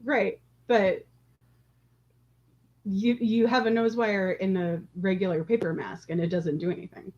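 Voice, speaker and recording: A woman's voice: medium pitch, steady tone, a little slow, darkish tone. A woman co-hosting a livestream in casual chat, chipping in with matter-of-fact remarks. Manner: brief matter-of-fact interjections. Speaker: livestream co-host. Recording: dull lo-fi livestream audio.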